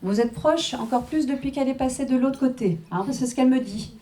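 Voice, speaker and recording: This woman's high-pitched, dark-toned voice moves quickly as she works a live reading as a medium. Chatty with the crowd, she keeps checking in with "hein" and "d'accord" and laughs a lot.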